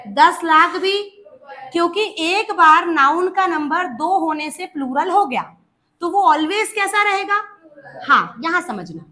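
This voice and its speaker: A woman teaches an English grammar class in a very high voice. She speaks slowly and deliberately, going over each point again and again. She keeps asking her students questions and calls them child. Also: sharp tone.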